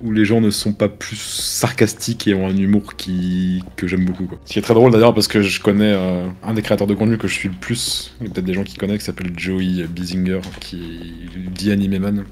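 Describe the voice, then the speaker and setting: Laid-back low-voiced man chatting. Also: fairly quick, hardly any pauses. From France. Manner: relaxed, rambling with many restarts. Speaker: gamer. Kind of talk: casual chat while gaming.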